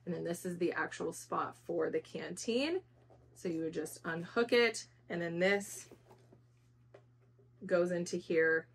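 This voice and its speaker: Low-pitched woman reviewing gear, some noise. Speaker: product review host. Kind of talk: casual product review to camera.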